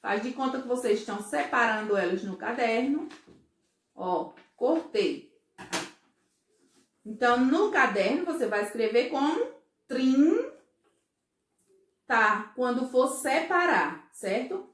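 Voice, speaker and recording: A woman teaching a first-grade class, explaining slowly and patiently, often checking that the children follow. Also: fairly high pitch, animated, echoey room. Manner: slow, patient, syllable-by-syllable explaining; frequent checking questions to pupils. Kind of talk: recorded remote class for children.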